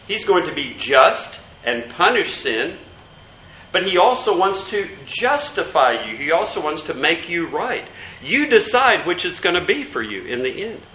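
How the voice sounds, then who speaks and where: A man preaching a sermon in an earnest, emphatic way, slowing down to stress key words. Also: fairly high pitch, pushed and bright, roomy sound, a little hiss or hum, rough recording.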